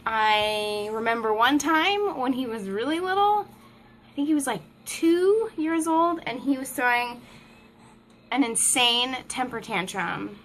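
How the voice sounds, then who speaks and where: A woman's voice: on the high side, fairly bright tone, a little hiss or hum. A mom vlogger chatting casually to the camera at home, laughing often and breaking off to talk to her toddler. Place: family home, indoors.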